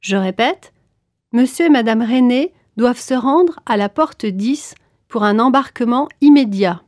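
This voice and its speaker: A woman reading scripted airport announcements in a formal, clearly articulated manner. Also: fairly high pitch, animated, unhurried, a little mellow, no room sound, studio quality. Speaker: announcer in a listening exam.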